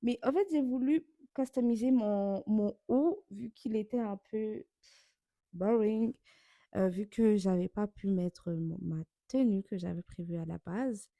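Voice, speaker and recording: A woman's voice: mid-range voice, measured pace, dark tone, dry recording. A young woman from Burundi narrating a vlog in voice-over, candid and self-mocking with loose slang. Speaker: vlogger.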